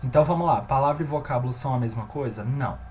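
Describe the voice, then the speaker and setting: A man teaching a grammar lesson, often checking in with his listeners and slowing down to stress key terms. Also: medium pitch, a little mellow, a little hiss or hum.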